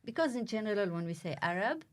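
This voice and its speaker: A woman's voice: medium pitch, sing-song, fast talker. A middle-aged woman from Bethlehem, a religious sister with a Palestinian Arabic accent, speaking English as a second language and sometimes searching for words in a casual interview.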